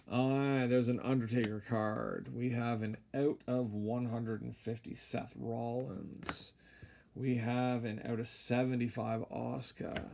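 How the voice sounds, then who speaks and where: A man's voice: mid-range voice, gravelly, a little mellow, slight background noise. A tired man casually commentating a trading card break at night, droning and mumbling with wry, rambling asides. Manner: wry, rambling, self-deprecating. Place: home room at night.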